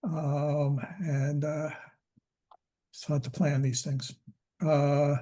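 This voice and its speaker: A man chairs a public commission meeting over a video call, his voice mellow and low in brightness but pitched a little high. He talks in a halting way, stopping on fillers, and his voice is going. He runs motions and roll calls in a plain, procedural way. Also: flat delivery. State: losing his voice.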